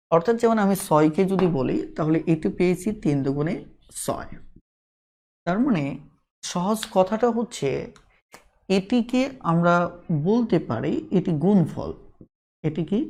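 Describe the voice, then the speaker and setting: A woman's voice: on the low side, mellow. A woman teaching a math lesson online, patiently repeating key points and putting questions to her viewers.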